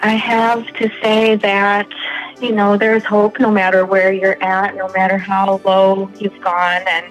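A woman's voice: mid-range voice, monotone, a little slow, faint music behind, rough recording. A woman speaking as a podcast guest in casual talk, earnest and encouraging.

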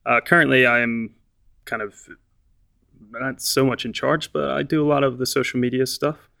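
Gravelly-voiced American man, halting chat. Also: mid-range voice, level tone, bright, forceful tone. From southern Virginia, USA. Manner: hesitant, lots of fillers and restarts. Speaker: podcast co-host, cinema staff member. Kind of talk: casual chat.

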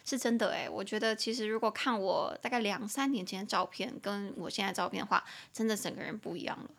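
A young woman with a Taiwanese Mandarin accent hosts a podcast English lesson, chatty and playful, slowing down to spell out and drill new words. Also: mid-range voice, vocal fry, fairly bright tone. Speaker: English teacher and podcast host. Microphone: podcast microphone.

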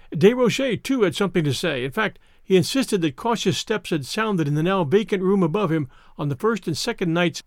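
A man's voice: sits high, no room sound, clean studio sound. A man, a podcast host, reading a horror story aloud in audiobook style.

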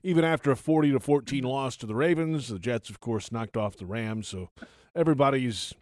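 A man's voice: mid-range voice, brisk, darkish tone, no room sound. A man hosting a sports talk show in a radio style.

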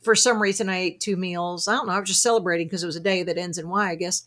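A podcast host and fasting coach from Arkansas, with a Southern accent, runs a casual interview in a chatty, effusive style full of anecdotes. Her voice is on the low side and a bit bright, with a steady tone, and she talks at a racing pace.

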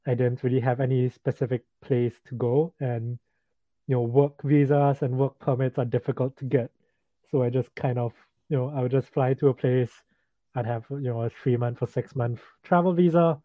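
A young man from Singapore, a freelance guest, chats casually in an interview, using lots of fillers like "like" and "you know" and laughing easily. His voice is medium-pitched with no echo, coming over a tinny, dry, phone-like remote line.

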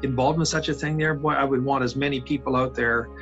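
A man, a police officer, answering interview questions in a halting way, full of hesitations. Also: medium pitch, fairly even intonation, fairly bright tone, highs cut off, soft background music.

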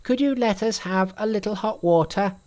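A man's voice: moderate pace, darkish tone, lightly acted. A man voicing a boastful, cheeky male monkey sage with a raised, bold voice in a storybook reading. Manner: high, bold, teasing.

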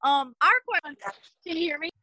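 A woman calling in over a video chat whose bad connection breaks her voice into choppy, broken-robot sounds. She speaks slowly and keeps checking whether she can be heard. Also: high-pitched, fairly even intonation, sharp tone, no room sound, low-quality recording. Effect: glitchy broken-robot video call connection. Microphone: video call. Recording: choppy glitching online call audio.

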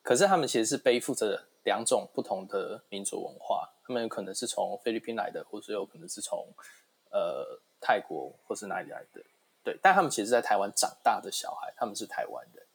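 A man's voice: fairly low pitch, animated, a little fast, gravelly, slightly rough. A man with a Taiwanese Mandarin accent in a casual discussion, dropping English words into his speech.

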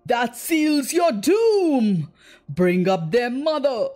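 A woman's voice: fairly high pitch, expressive, slow, darkish tone, faint music behind. A woman voicing a menacing, pompous male pirate captain with a commanding, theatrical, old-fashioned manner in a storybook. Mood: furious.

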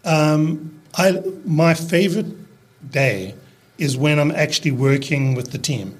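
Speaking in a slightly high, husky voice, a South African man in his early fifties talks casually on a podcast about his landscaping work. He's relaxed yet halting, restarting often and using lots of fillers, his accent fading toward American in this conversational interview.

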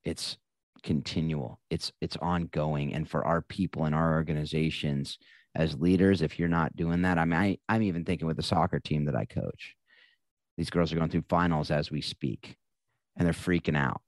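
A man with a deep voice talks through a casual podcast chat as co-host. He speaks in an earnest, coaching tone. The sound is dry and close, with no room around it. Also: fairly even intonation, normal speed, dry recording.

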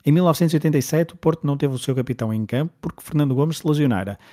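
A man's voice: a little high, racing, mellow. A man with a European Portuguese accent reading a scripted documentary-style sports narration.

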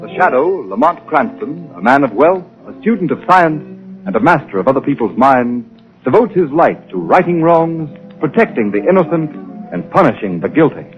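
A man's voice: on the high side, big pitch swings, normal speed. A man giving an emphatic, formal scripted introduction as a 1930s radio announcer. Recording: tinny 1930s radio, faint music.

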